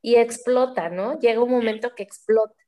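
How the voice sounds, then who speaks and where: A woman hosts a casual conversation. Her voice sits a little high, and she chimes in with short, agreeing remarks. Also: moderate pace, mellow. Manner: brief affirming interjections. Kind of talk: casual interview chat.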